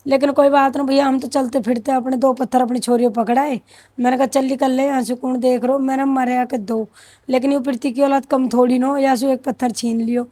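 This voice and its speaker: Chatting casually with viewers in her vlog, a young woman jokes and teases her way through a running commentary. Her high-pitched voice has a dark tone, and the recording is dry.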